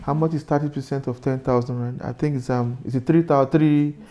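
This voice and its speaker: Man, real estate agent, interview, step-by-step explanations, mellow dark tone. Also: medium pitch, steady tone, fairly quick, lo-fi sound. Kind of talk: interview answers.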